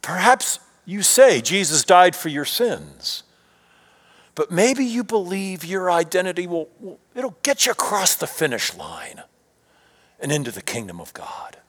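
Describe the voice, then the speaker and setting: A man preaching a sermon, asking rhetorical questions and dropping his voice low at times. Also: sing-song, measured pace, fairly bright tone, breathy edge. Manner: rhetorical questions, rising and dropping to near whisper. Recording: long hall reverb.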